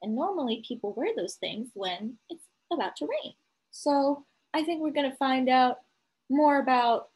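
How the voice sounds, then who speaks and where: A female teacher with a high, slightly breathy voice reads a picture book to young children, animatedly explaining and thinking aloud as she goes. The audio quality is poor.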